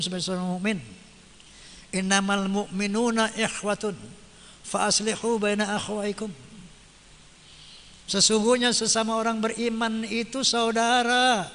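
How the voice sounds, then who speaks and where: Guy preaching a sermon, pretty high voice, asks stuff then answers it, big echoey hall. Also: fairly bright tone. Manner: asks rhetorical questions and answers them himself; chants Arabic verses then translates them. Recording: long hall reverb.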